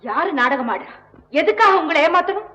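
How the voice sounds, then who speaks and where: Proud young dancer: high and bright, defiant, pleading. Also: female voice, big pitch swings, normal speed, heavily acted. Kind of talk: 1960s film acting.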